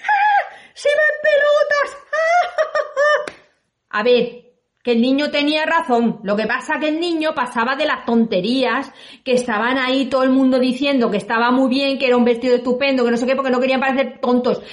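A woman who works as a reporter and storyteller, telling a children's tale aloud in a lively, playful way and acting out the characters. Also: high voice, fast, echoey room.

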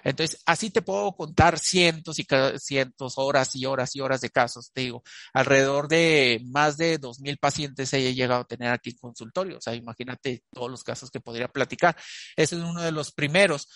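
A man's voice: medium pitch, fairly quick, fairly bright tone, no room sound. A man, a therapist recounting cases to an interviewer, telling them as stories full of fillers and restarts. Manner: storytelling with frequent fillers and restarts. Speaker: channeling therapist.

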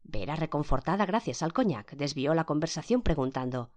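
This is a storyteller narrating a novel in a scripted audiobook read. The pitch moves widely and expressively, and each quoted character gets a voice of their own. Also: animated, fairly quick. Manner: acts each character's quoted lines with pitch and loudness shifts.

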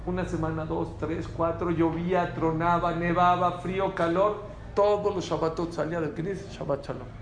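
A man with a fairly high voice teaches a small group, animated and full of rhetorical questions. The sound is roomy, with a faint hum of noise behind him. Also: normal speed. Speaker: Torah teacher. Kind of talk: lively spoken Torah class.

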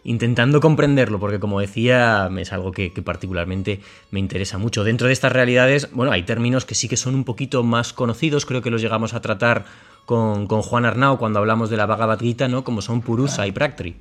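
A man's voice: mid-range voice, quick pace. A man hosting an interview podcast, reflective and paraphrasing his guest, with short backchannel replies. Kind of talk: casual interview chat.

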